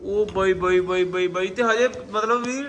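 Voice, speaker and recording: A man's voice: high-pitched, measured pace, a bit bright, a little hiss or hum, low-quality recording. A man with a Malwai Punjabi accent, chatting casually to camera about his pigeons. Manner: chatty, jokey, talks to boys and pets around him. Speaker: pigeon keeper vlogger. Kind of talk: casual vlog talk to camera.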